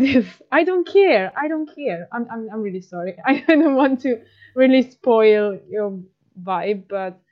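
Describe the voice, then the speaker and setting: Hesitant young woman, muffled audio. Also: fairly high pitch. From northern Italy. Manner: hesitant, searching for words, self-deprecating. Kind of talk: casual chat.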